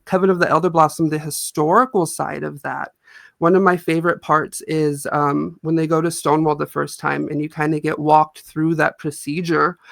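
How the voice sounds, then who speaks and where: Guy author chatting in an interview, earnest, lots of vocal fry, really dry recording. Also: fairly high pitch, a bit bright, no room sound. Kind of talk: casual interview talk.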